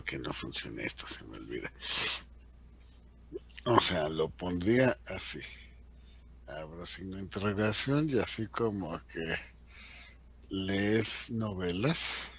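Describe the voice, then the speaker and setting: Slow husky teacher, muffled. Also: male voice, low voice, big pitch swings, bright, forceful tone. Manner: chatty, asks the class rhetorical questions. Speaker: English teacher. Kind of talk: classroom lesson explaining grammar.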